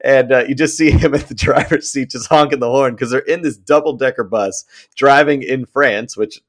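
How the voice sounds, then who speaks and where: A man's voice: mid-range voice, moderate pace. A man in casual sports chat on a podcast, friendly and chatty, laughing often and drifting into side stories. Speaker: podcast co-host.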